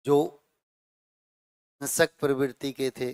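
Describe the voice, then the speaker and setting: Male teacher, middle-aged, patient classroom lecture, clear voice, dry sound. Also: mid-range voice, flat delivery, dry recording. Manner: explains slowly with repeated phrases and checks like 'theek hai'. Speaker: Hindi grammar teacher.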